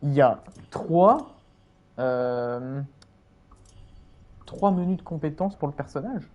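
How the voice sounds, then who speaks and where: A man's voice: on the high side, lively intonation, takes it slowly, dull audio. A man casually commenting on a game he is playing, rambling with many fillers and chatting to his viewers. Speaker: streamer.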